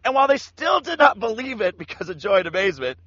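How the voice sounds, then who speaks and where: A man's voice: sits high, quick pace, no room sound. A man casually retelling a Bible passage, acting out the people in it with slangy voices. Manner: animated, acts out scripture in slangy voices. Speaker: Bible teacher. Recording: dull lo-fi sound.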